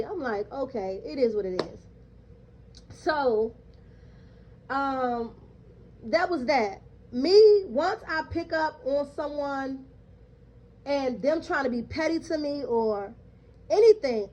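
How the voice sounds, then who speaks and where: A woman's voice: high voice, rough recording. A woman candidly recounting her first day at work, blunt, cursing freely and checking in with "okay?". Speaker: vlogger. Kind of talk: casual storytelling monologue.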